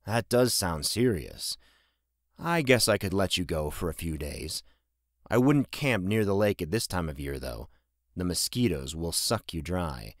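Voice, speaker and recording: A man voicing a quiet father who speaks calmly with dry humor. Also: low voice, no room sound, exaggerated voice.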